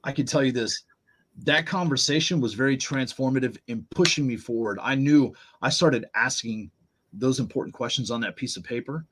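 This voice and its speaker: A man as a guest on an interview show, telling personal stories with animated, acted-out quotes. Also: medium pitch, moderate pace, slightly rough. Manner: animated storyteller, acts out quotes in raised voice. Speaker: podcast guest. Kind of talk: storytelling conversation.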